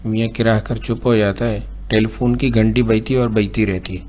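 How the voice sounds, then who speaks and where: A man's voice: on the low side, flat delivery, moderate pace, a little mellow, slight background noise. A male teacher reading a play aloud and explaining difficult words. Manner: explains hard words plainly.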